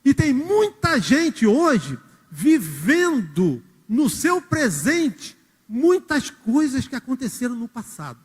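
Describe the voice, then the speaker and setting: A man's voice: very high voice, huge pitch swings, slow pace, slightly rough. A man preaching a sermon as a church elder, telling stories and speaking directly to the congregation. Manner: storytelling, acts out quotes, addresses the congregation directly. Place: church hall. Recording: reverberant church hall.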